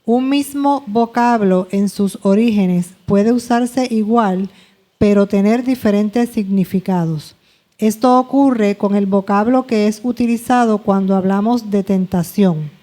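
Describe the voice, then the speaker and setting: A woman with a Puerto Rican accent reads a church study text aloud for her class. Her delivery is steady and careful. Her tone is dark and mellow, at an average pitch for a woman. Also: measured pace. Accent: Puerto Rican Spanish. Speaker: class member reading aloud.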